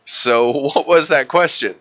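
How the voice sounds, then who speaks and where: A man's voice: a little high, measured pace, sharp tone. A man running a tabletop game as game master, teasing his players, laughing often and insisting they word their questions exactly. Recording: dull lo-fi stream audio with faint music.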